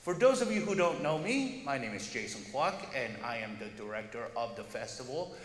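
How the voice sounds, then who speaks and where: A man's voice: mid-range voice, big pitch swings, fairly quick. A man hosting a forum, addressing the audience informally in an emphatic, chatty way. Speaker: festival director and forum host. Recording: echoey hall, long reverb, background noise.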